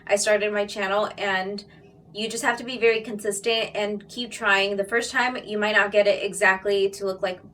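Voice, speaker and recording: A woman's voice: medium pitch, fairly even intonation, moderate pace, a bit bright, recorded from a distance, a little hiss or hum. A woman beauty vlogger chatting casually and directly to her viewers about makeup. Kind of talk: casual makeup vlog talk.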